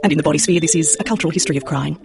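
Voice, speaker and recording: A woman's voice: low-pitched, very fast, gravelly, music in the background. A woman hosting a radio documentary, asking inquisitive, leading questions. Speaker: radio host.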